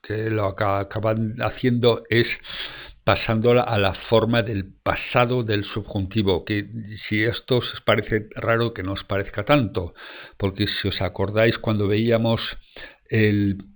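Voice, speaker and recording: A man's voice: lowish voice, flat delivery, measured pace. A man teaching German grammar in Spanish, explaining step by step and checking in often with the class. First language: French.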